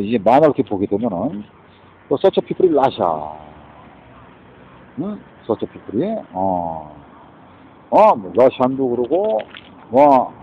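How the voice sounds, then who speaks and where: Man, rambling street vlogger, pitch swings up and down a lot, keeps throwing in questioning grunts, muffled recording. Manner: rambling, mixes English words into his talk, keeps interjecting short questioning grunts. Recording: dull lo-fi recording with faint background noise.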